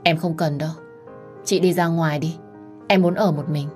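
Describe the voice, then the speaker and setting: A woman's voice: low-pitched, steady tone, moderate pace, darkish tone, faint music behind, close to an everyday voice. A woman voicing a scheming pregnant young woman in her twenties who pleads in a trembling voice. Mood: sullen. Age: 20s.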